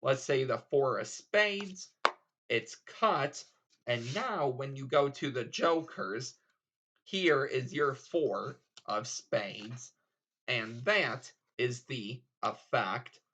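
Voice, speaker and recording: A man's voice: medium pitch, very slow, bright, forceful tone, breathy edge, muffled recording. A man presenting a casual card trick tutorial, explaining step by step in an informal way.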